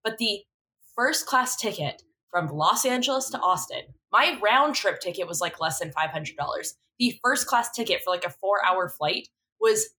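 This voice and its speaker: A woman co-hosting a podcast in casual conversation, chatty, self-deprecating and quick to swear. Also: medium pitch, expressive, sharp tone, a little hiss or hum. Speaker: podcast co-host. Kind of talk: casual chat recapping a TV drama.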